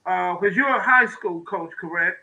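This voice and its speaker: Man, talk show host, high pitch, very bright tone, halting, repeats words. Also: gravelly, dull audio. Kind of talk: interviewing a guest over video call.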